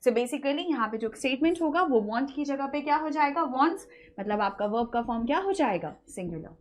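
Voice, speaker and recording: High-voiced Hindi-speaking grammar teacher woman. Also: animated. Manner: mixes Hindi with English, asks questions then answers them; slows down to read English example sentences. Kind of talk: online grammar lecture.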